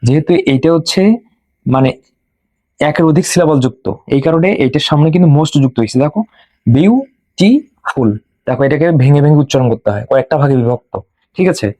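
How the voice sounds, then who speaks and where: Male grammar tutor, patient rule-drilling delivery, warm low timbre, dead dry room. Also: no room sound. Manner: slow and drilling, repeats rules for students to memorize. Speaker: English grammar teacher. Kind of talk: classroom lesson.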